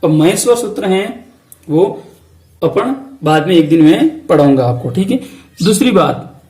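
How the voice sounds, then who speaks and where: A man with a Rajasthani Hindi accent teaches an exam-prep lesson in a fairly high voice. He poses each question aloud and answers it himself, slowing to repeat key terms. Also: expressive, a little mellow. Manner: asks questions then answers them himself.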